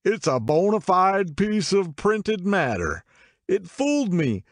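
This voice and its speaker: Man acting drunk middle-aged gentleman, excited, insistent, high-pitched, slow drawl, dry close sound. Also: no room sound, full character voice.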